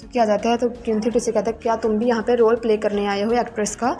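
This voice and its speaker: A fairly high, mellow woman's voice recounting a drama episode. She delivers every character's lines in the same level, flat tone. Faint music plays underneath. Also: quick pace. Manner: reads every character's lines herself in a plain voice. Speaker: drama recap narrator. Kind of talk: plot recap narration.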